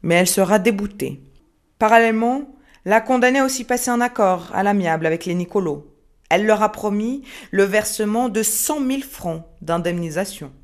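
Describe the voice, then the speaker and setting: Woman, true-crime narrator, grave, measured, dramatic pauses, mid-range voice. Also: mid-range voice.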